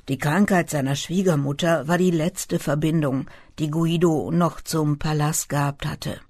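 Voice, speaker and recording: An audiobook narrator reading a literary novel in a calm, measured storytelling manner. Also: medium pitch, dry recording, clean studio sound.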